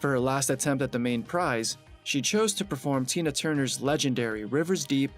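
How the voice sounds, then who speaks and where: A man giving a scripted narration in an even, steady reading voice. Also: medium pitch, brisk, soft background music.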